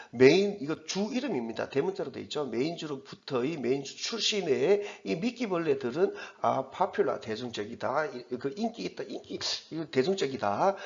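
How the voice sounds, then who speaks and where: A man's voice: fairly high pitch, muffled recording. A man teaching English from an exam passage in a recorded lecture, explaining as he goes and correcting himself with fillers and restarts.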